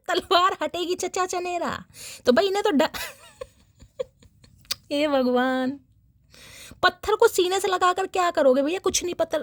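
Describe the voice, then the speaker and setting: A woman's voice: very high voice, no echo. A young woman giving a casual tarot reading to her viewers, playful and teasing, laughing often. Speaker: tarot reader.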